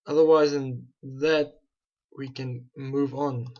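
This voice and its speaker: Slow and dark-toned, with medium pitch and fairly even intonation, a young South African man talks through his football management game as a gaming channel host. He thinks aloud, restarting and correcting himself often, and the recording is muffled.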